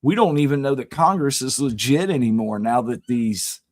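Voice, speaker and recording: A man's voice: mid-range voice, animated, normal speed, darkish tone, dry recording. A man co-hosting a podcast, talking politics earnestly in a casual way and often repeating words as he searches for them. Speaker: podcast co-host.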